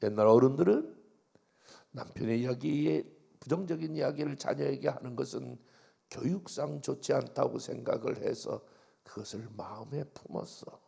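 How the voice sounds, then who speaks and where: An older man preaching a revival sermon as pastor, telling stories and swinging from loud outbursts to hushed asides. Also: mid-range voice, moderate pace, gravelly, husky. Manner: storytelling, acts out quoted voices, swings from loud to hushed.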